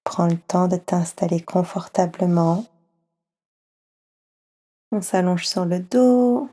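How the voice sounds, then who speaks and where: A woman speaking with a French accent leads children through a slow, soothing yoga nidra relaxation, keeping her voice soft and leaving long pauses. Her pitch sits on the low side.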